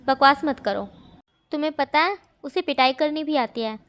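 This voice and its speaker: A woman voicing a stern, calm young man. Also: high voice, moderate pace. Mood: firm. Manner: firm, scolding.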